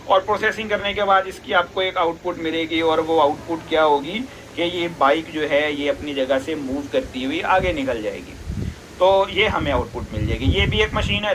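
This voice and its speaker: A man with a bright, forceful voice, pitched a little high, teaching a basic lesson. He explains patiently, step by step, and poses questions that he then answers himself. A faint ambience hums behind him. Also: a little hiss or hum, low-quality recording. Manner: patient, asks and answers his own questions.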